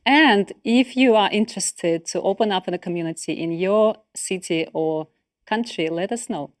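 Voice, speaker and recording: A woman's voice: medium pitch, no echo, studio quality. Enthusiastic woman hosting an online event. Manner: enthusiastic, halting with slips and laughs. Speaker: event host.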